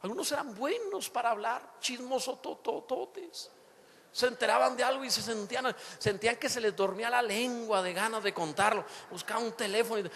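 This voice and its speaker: A man preaching a sermon to his congregation, lively and theatrical, acting out the voices he quotes and breaking into sudden shouts. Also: very high voice. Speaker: pastor. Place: church sanctuary. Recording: long hall reverb in a church.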